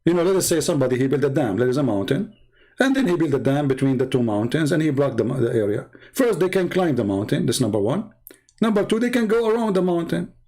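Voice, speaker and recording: A man whose first language isn't English hosts a religious debate show, delivering mocking commentary on religious texts. His mellow voice sits on the high side, talks fast and swings widely in pitch. He's sarcastic and emphatic, leaning on rhetorical questions and repeated words.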